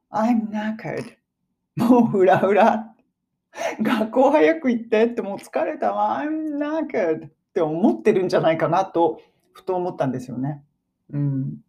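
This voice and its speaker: A woman in her forties, an English-teaching YouTuber, giving a chatty spoken lesson and sometimes dropping into soft asides. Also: fairly low pitch.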